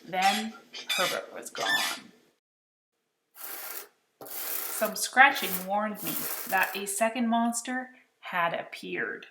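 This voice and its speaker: A woman reading a children's picture book aloud, expressive and unhurried. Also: medium pitch, echoey room, background noise. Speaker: storytime reader.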